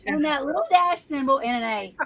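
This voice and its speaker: A woman's voice: high-pitched, brisk. A woman who works as a teacher, co-hosting a casual live-stream chat and telling funny stories with playful disbelief. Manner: animated storyteller, playful disbelief.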